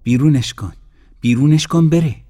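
A man's voice: on the low side, fairly even intonation, warm tone, husky. A man voicing an agitated older village aunt who scolds her nephew, in a storybook reading. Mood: scolding.

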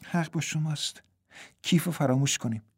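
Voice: medium pitch, husky. A storyteller voicing a nervous, polite woman traveler who speaks hesitantly in an audiobook.

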